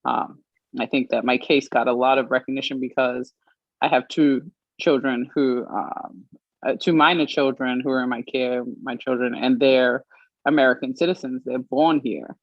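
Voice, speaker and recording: A woman from Australia giving an earnest personal account as an interview guest, pausing often with fillers. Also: very deep voice, steady tone, no echo. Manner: earnest, measured, with frequent pauses and fillers. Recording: dry, slightly muffled stream audio.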